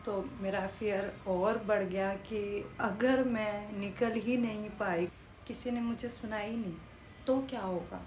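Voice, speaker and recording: A young woman telling a story in a casual vlog, lively and animated, mixing English phrases into her talk. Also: medium pitch, takes it slowly, faint music behind. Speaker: vlogger. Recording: echoey room with faint background noise.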